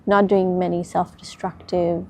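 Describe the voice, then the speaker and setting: A woman's voice: on the low side, level tone, measured pace, darkish tone, a little hiss or hum. A woman giving casual spiritual advice in a direct, conversational way, often checking in with tag questions. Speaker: spiritual content creator.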